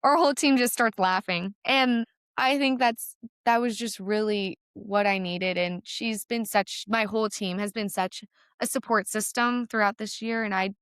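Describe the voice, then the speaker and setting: A woman's voice: medium pitch, a bit bright, clean tone, no echo, clean studio sound. Earnest young American woman telling her story. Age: young adult. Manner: tearful, earnest storytelling with laughs. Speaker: guest, college gymnast. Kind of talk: emotional personal story in a podcast interview.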